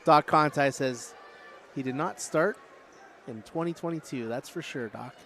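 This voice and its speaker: A man doing casual, jokey play-by-play for a high school basketball game, chatting with listeners between calls. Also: measured pace, a bit bright. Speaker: play-by-play announcer. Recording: noisy gym broadcast.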